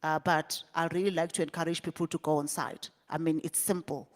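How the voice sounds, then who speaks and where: A woman's voice: low voice, level tone, fairly quick. A woman hosting a public forum, moderating questions with many fillers and restarts. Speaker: event host. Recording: reverberant hall.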